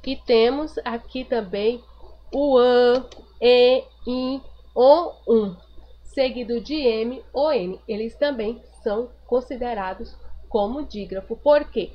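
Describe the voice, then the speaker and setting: A woman's voice: fairly high pitch, slow pace. A woman teacher giving a recorded grammar review lesson, patiently repeating each point and asking the class rhetorical questions. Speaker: primary school teacher. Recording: dull lo-fi recording with faint noise.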